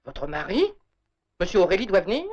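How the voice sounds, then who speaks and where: A naive, flustered young fiancé in an old film: hesitant and stammering, with a very animated voice. The recording is muffled and lo-fi. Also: male voice, high-pitched, a little fast. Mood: fretful. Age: young adult. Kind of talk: 1930s French film acting. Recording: dull lo-fi old film soundtrack.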